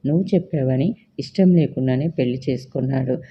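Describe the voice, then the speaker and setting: A man's voice: medium pitch, a little fast, muffled recording, slight background noise, close to an everyday voice. A storyteller voicing a frustrated young man who heatedly argues with his mother. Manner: heated, accusing, insistent.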